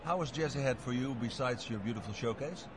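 A man's voice: mid-range voice, brisk, background noise. A man interviewing a musician at a jazz fair, asking friendly, chatty questions.

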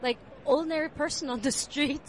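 A woman musician with a Korean accent, answering interview questions about her music, soft-spoken with many fillers. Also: sits high, fairly even intonation, a little fast, a little hiss or hum. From South Korea. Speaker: jazz pianist and composer. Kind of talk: interview at a jazz fair.

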